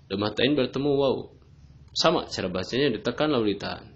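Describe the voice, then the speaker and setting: A man teaching tajweed rules patiently, often pausing on "nah, gitu ya" as he explains. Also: medium pitch. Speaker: Quran recitation teacher. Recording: dull lo-fi recording.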